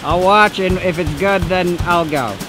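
A young adult man hosts an outdoor hiking vlog with voice-over narration, rambling through the woods on a wooded hillside while joking and being mock-dramatic. His voice sits high and a little slow, recorded on a camera mic outdoors with music in the background.

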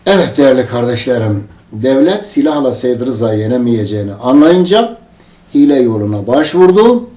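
A man's voice: medium pitch, very animated, moderate pace, dark tone. A man preaching to his congregation, telling a story with emphatic, rising outbursts. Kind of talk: impassioned storytelling sermon. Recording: echoey room, distant mic.

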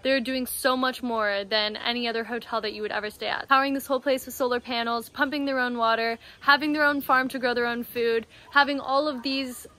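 A woman's voice: a little high, fairly even intonation, a little fast, few pauses, sharp tone. A young woman in her twenties cheerfully narrating a travel vlog, talking straight to a phone held at arm's length as she tours a tropical lodge. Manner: bubbly and enthusiastic, talking to camera. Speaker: travel vlogger. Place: outdoors in a tropical resort and inside a wooden hut.

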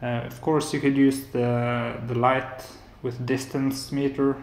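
A soft-spoken Norwegian man in his thirties, a hobbyist maker, gives a casual demo of a home electronics build, hesitating often and filling pauses with filler sounds. His medium-pitched voice is flat and slow. He's indoors in an apartment living room and kitchen, and the room sounds echoey.

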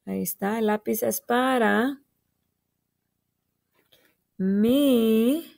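Slow, gravelly woman teacher. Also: mid-range voice, steady tone, a little mellow. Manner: patient, spells out letters and points word by word. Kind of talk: slow early-grade writing lesson for children.

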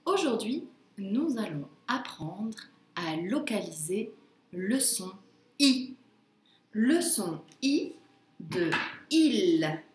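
A woman teaching a phonics lesson to young children, sounding out words slowly and carefully. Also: mid-range voice, very animated, darkish tone, reverberant, a little hiss or hum. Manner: slow, careful, drawn-out word pronunciation.

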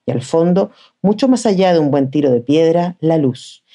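A woman reading a literary short story aloud in a measured, expressive way. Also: low voice. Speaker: reader of short stories.

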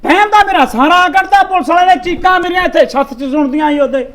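A man's voice: very high voice, quick pace, a bit bright. A man with a Punjabi accent acting in a village drama, complaining indignantly to his aunt.

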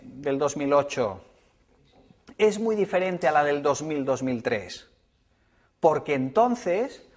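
Teacher firing rhetorical questions. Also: male voice, high-pitched. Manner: lively, rhetorical questions to students, acts out dialogues. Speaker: economics teacher. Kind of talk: classroom lecture.

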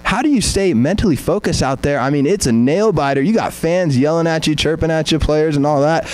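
A man's voice: a little high, brisk, darkish tone, low-quality recording. Upbeat young man interviewing. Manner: upbeat, rambling questions. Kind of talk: postgame sports interview. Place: press backdrop indoors. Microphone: handheld mic.

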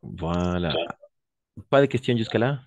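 Patient male French teacher, slow and deliberate, lowish voice, dry close sound. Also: lively intonation, darkish tone, no room sound, highs cut off. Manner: patient, repeats words slowly, frequent praise. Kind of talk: online class instruction.

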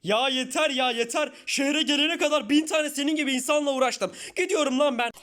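A man playing a grumbling, short-tempered young newcomer with a very high, squeaky voice. He complains constantly and sighs in irritation. A Minecraft parody character. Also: fairly quick, a bit bright. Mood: fed up.

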